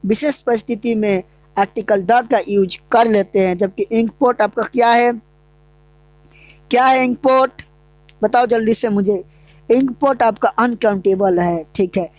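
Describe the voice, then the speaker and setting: A woman's voice: on the high side, steady tone, moderate pace, darkish tone, no room sound. Teacher quizzing her own class. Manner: asks the class questions and answers them herself. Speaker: English grammar teacher. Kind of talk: explanatory online lesson.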